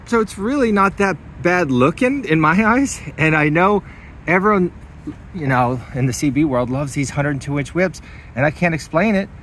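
With a fairly high, slightly bright voice at normal speed, this man sounds animated as he demonstrates something hands-on for his hobby vlog. He's plainspoken and eager, moving between a parked vehicle and a driveway while car and outdoor noise comes through clearly.

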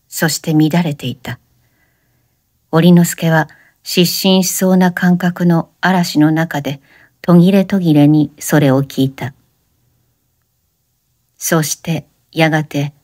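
A woman reads a literary story aloud in a measured, composed manner, her voice mellow and warm. The recording is close and dry, with no room sound. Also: fairly low pitch, dry recording. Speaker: narrator. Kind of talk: audiobook reading of a literary story.

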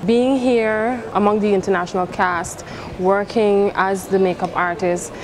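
A woman's voice: medium pitch, steady tone, a little slow. Makeup artist woman, noisy setting. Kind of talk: behind-the-scenes interview.

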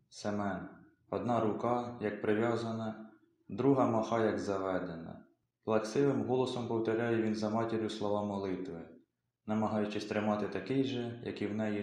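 Male audiobook reader, low voice, measured expressive narration, very echoey room. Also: a little hiss or hum. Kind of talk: scripted literary narration.

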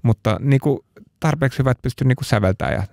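Recorded cleanly in a studio without echo, a Finnish talk show guest rambles through his story, constantly restarting and using fillers. He speaks at medium pitch, with vocal fry and a slightly mellow quality.

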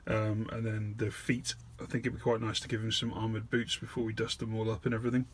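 A man with a lowish voice and little pitch movement talks fast while hosting a casual, hands-on miniature painting tutorial in an indoor studio. He thinks aloud in a self-deprecating way, and there's heavy background noise.

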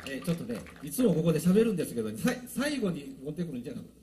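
A man's voice: on the high side, big pitch swings, very fast, warm tone. A man with a Banshu accent, a band leader, chatting and rambling on stage at a live show. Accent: Kansai, Banshu dialect. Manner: chatty, rambling, mimics local dialect. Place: outdoor park stage. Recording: live outdoor recording with guitar behind.

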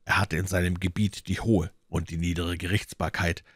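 A man reading a brooding, hard-drinking noble musketeer in an audiobook, with low, subdued, grim delivery. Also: level tone, moderate pace, slightly rough, no room sound, clean studio sound. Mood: grim, bitter.

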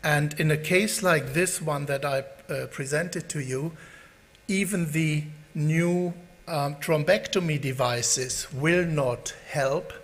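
An older man speaking at a medical conference panel, slow and hesitant with frequent restarts, at a podium mic in a large hall. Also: fairly high pitch. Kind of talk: panel discussion. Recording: long hall reverb.

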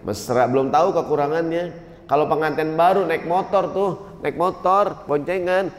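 Animated man preaching in an echoey hall. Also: on the high side, normal speed. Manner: lively, jokes and acts out little scenes. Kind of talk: humorous sermon. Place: mosque hall.

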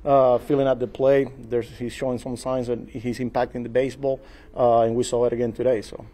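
A man in his forties, a baseball manager at a postgame press conference, speaking in a measured, halting way at a table mic in a small press room. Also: medium pitch, flat delivery, mellow, rough recording. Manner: measured, halting, repeats words and fillers. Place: small press room before a sponsor backdrop. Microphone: table mic in front of him.

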